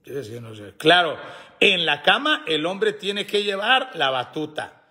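A man's voice: a little high, big pitch swings, a little slow, pushed and bright. Joking man reading comments on a live chat. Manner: joking, laughs often, reads comments aloud. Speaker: host.

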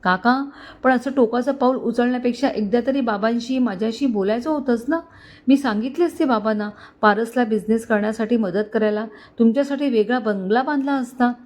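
A brave young heroine speaks out in a raised, higher voice, indignant and unbending, as a woman narrator acts her out. The storybook figure sounds defiant and firm. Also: fairly quick, darkish tone, lightly acted. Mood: pleading.

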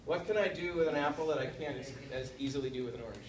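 A man's voice: fairly high pitch, racing, a crowd in the background. A man giving a playful, upbeat conference presentation and leading the audience along. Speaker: conference speaker. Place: conference hall. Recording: echoey hall, far from mic, background noise.

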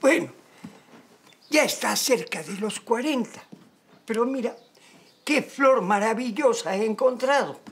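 An actor playing a doting old shopkeeper with a Peruvian accent in a telenovela. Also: male voice, extremely high pitch, expressive, unhurried, pauses often, heavily acted. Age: older. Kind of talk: telenovela acting.

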